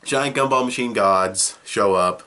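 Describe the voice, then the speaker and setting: Pitched fairly low, his voice sounds bright and forceful yet unhurried. The young man, sniffling from a cold, reviews a show on video in a rambling, loose way, full of fillers and false starts.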